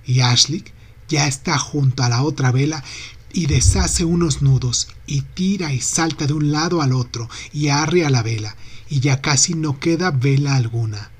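Man, audiobook narrator, husky voice, somewhat high, steady reading. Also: moderate pace.

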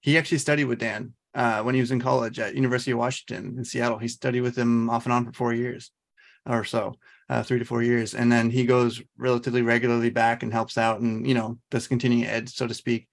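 An American man hosts a casual podcast conversation. His voice sits at a middle pitch with plenty of vocal fry. He comes across as informal, easygoing and agreeable. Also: little pitch movement, quick pace. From Oregon, US. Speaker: podcast host. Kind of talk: casual chat interview.

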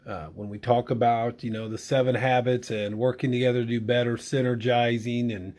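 A man's voice: medium pitch, little pitch movement, fairly quick, darkish tone. A man hosting school morning announcements in a playful, rambling way with lots of fillers.

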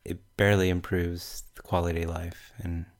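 A man with a broad Kiwi accent speaks in a low, very flat voice. He talks as a panelist in a casual tech discussion, measured and halting as he works through his thoughts. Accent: New Zealand. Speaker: podcast panelist.

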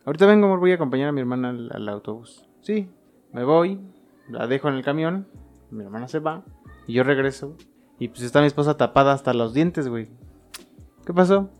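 A man's voice: mid-range voice, a little mellow. A young man with a Mexican Spanish accent, telling a crude, slang-heavy story in a casual chat. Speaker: podcast co-host.

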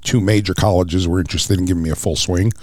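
A middle-aged former wrestler tells his life story in an interview. His voice sits low and sounds dry and close. He talks earnestly and livens up when he recounts what others said to him. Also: steady tone, quick pace, warm tone, dry recording. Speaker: guest, former professional wrestler. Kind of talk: personal testimony in an interview.

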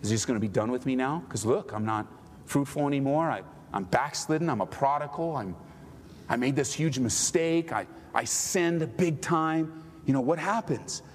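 A man's voice: medium pitch, moderate pace. Impassioned preaching man in a hall. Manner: impassioned, swings from loud pleading to quiet tender. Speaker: pastor. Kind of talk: sermon.

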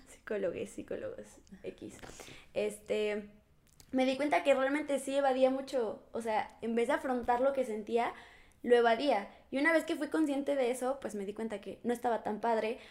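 A young Mexican woman talking in a reflective, soft-spoken way as a podcast co-host, with many fillers. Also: on the high side. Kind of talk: casual chat.

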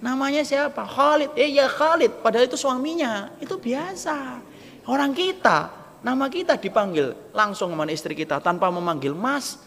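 An Islamic preacher with a gravelly, lilting, very high male voice delivers a humorous sermon at a moderate pace. He is lively and joking, acting out quoted dialogue, and the recording carries long hall reverb with faint background noise.

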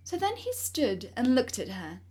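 A woman narrating a fairy tale in an expressive reading voice. Her pitch is high and swings widely. She takes her time over each phrase. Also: husky. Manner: slow, expressive storytelling. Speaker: storyteller.

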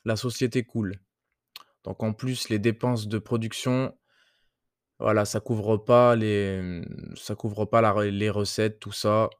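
A man's voice: fairly low pitch, flat delivery, slow, clean tone, dry recording. Casual French-speaking podcast man, dry sound. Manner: hesitant, many fillers and restarts, crude slang. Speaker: podcast host. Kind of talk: casual motivational podcast monologue.

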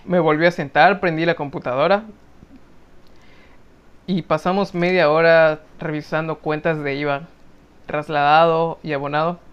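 A young man with a Mexican accent, telling work stories on a podcast in a casual, lively way, often laughing. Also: fairly high pitch, smooth. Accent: Mexican Spanish. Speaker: podcast co-host. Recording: muffled lo-fi audio.

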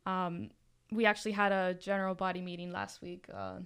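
A woman's voice: on the low side, little pitch movement, fairly quick, fairly bright tone, smooth. A young woman from Miami talking casually on a podcast as a student club leader, chatty and full of fillers. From Miami, Florida. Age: young adult. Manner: chatty, with many fillers and restarts.

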